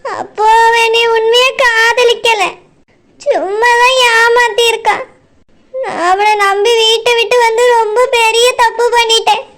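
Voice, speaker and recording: Someone voicing a squeaky sobbing cartoon girl, tirunelveli tamil, bright and thin, slow and sorry. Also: level tone. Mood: sorrowful. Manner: slow, sobbing self-reproach. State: crying. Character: runaway young woman, remorseful and tearful. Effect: high sped-up cartoon voice.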